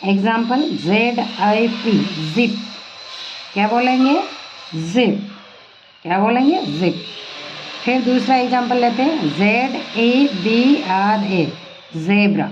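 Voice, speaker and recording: Woman, phonics teacher, slow spelling drills, fairly high voice, slightly dull recording with faint hiss. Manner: spells words out letter by letter, slow and patient; asks and answers her own drill questions. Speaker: English teacher. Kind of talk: phonics lesson.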